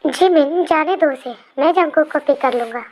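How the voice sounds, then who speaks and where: A woman voicing a calm husband who gently soothes his wife, in a fan storybook reading. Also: high-pitched, moderate pace, close to an everyday voice. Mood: soothing.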